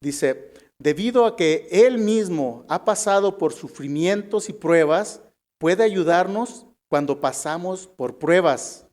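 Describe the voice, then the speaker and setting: A male preacher with a Mexican Spanish accent delivers a sermon and reads scripture aloud. He speaks slowly and deliberately, in a fairly high voice. He keeps calling the congregation his brothers. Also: expressive, darkish tone.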